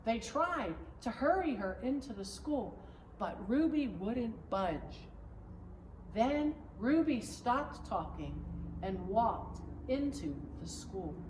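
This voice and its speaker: Here a female storyteller, a pastor, reads aloud to children in a higher voice that is both measured and expressive. Slight background noise and echo fill the recording, which was made with a distant mic in a roomy space.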